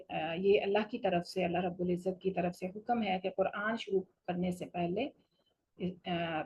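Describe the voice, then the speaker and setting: A woman teaching a Quran recitation lesson, explaining patiently and slowing down for each recited example. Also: fairly low pitch, a little mellow, slightly rough, highs cut off. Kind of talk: tajweed lesson.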